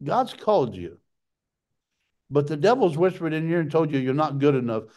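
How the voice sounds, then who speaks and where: A middle-aged man preaching a sermon with passion, his voice jumping up high for emphasis. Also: big pitch swings, normal speed, darkish tone, muffled recording. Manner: impassioned preaching, jumps to a high pitch for emphasis.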